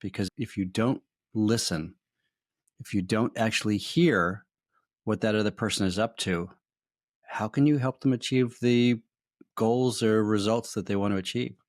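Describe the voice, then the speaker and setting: A man's voice: fairly low pitch, fairly even intonation, normal speed, dry recording, studio quality. A man hosting a podcast interview, upbeat and affirming as he steers the talk with questions. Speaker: podcast host.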